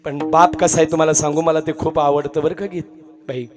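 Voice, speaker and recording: A man preaching a devotional kirtan sermon with lively, dramatic storytelling. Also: a little high, a little fast, faint music behind.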